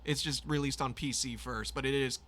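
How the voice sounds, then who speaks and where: A man's voice: mid-range voice, fairly even intonation, a little fast, crowd noise. Man on a glitchy mic that keeps dropping out. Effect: mic cutting in and out, uneven volume. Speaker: co-host of a live stream. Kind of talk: casual chat. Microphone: online voice-chat mic.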